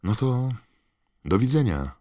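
A man's voice: medium pitch, sing-song, takes it slowly, mellow, no echo, clean studio sound, voice pushed up. A man voicing a reserved teenage boy who answers curtly and mutters. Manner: curt, muttering.

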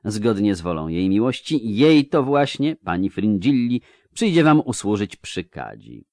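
A man's voice: lowish voice, very animated, unhurried, darkish tone, no echo, studio quality. A man voicing a pompous fussy court chamberlain. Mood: pedantic. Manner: formal, pedantic, correcting. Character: portly pompous male court chamberlain, fussy about etiquette.

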